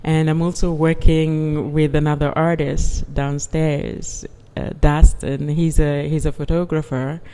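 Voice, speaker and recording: A guest artist from the United Kingdom answering interview questions in a slow, measured, reflective way. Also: medium pitch, little pitch movement, dark tone, clean tone. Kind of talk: interview conversation. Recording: long reverb, hall-like.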